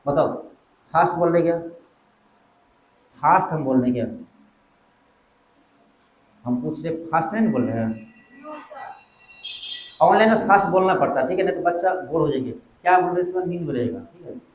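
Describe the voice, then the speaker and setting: A man's voice: a little high, animated, slight background noise. A man teaching an exam coaching class, firing questions at his students. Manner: quizzes students, quick back-and-forth questions. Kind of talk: classroom lecture. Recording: echoey classroom.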